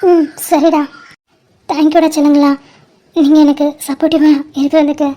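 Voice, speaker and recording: A meek, long-suffering woman from a homemade cartoon who pleads softly for peace, voiced by a woman. Her high voice comes out hesitant and gentle. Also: little pitch movement, normal speed, natural voice. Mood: worried. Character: gentle timid older sister-in-law, long-suffering. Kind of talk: animated cartoon voice acting.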